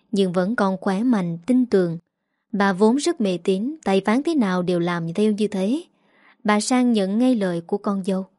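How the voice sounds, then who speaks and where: A woman narrating a family story in a steady, even way. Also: mid-range voice, dry recording, studio quality.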